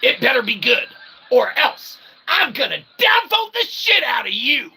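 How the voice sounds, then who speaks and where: Over background noise, a man with an extremely high, gravelly, raised voice hosts an improvised livestream, very animated yet at a measured pace. He rambles in wordy, mock-formal, roundabout language, tagging lines with "okay" and "right" and making theatrical, playful asides.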